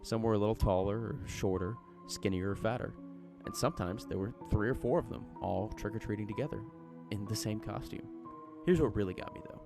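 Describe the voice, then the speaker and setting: A man's voice: lowish voice, brisk, music in the background. A man reading a horror story aloud in a folksy, chatty storytelling manner. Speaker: narrator.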